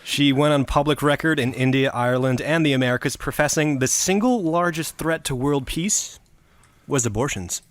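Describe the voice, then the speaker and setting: A man's voice: mid-range voice, moderate pace, no echo. A man hosting a comedy podcast, telling a story in a crude, mock-dramatic way. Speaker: host.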